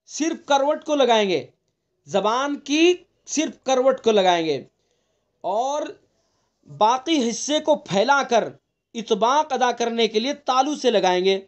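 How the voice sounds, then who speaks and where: A man with a very high voice teaching an online Quran recitation class. He explains each point patiently, repeats it, and sounds out the letters to show how they should be said. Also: animated. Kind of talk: online tajweed lesson. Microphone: online class recording.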